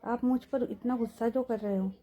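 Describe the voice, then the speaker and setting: A woman voicing a meek, quietly stubborn young woman in a story. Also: on the high side, steady tone, moderate pace, close to an everyday voice. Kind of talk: storytelling role-play.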